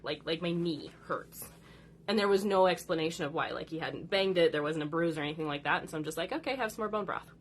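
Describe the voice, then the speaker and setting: A woman in her thirties, a mother of four and content creator, chats casually and at length about her kids. Her voice is medium-pitched and a bit bright, and she rambles chattily, often acting out her children's lines.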